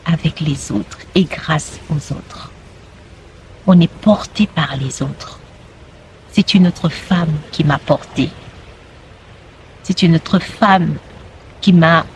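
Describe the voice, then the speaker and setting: A woman vlogger talking casually to camera about plants, soft and reflective, drawing out her words and breathing some almost in a whisper. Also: fairly low pitch, slight background noise.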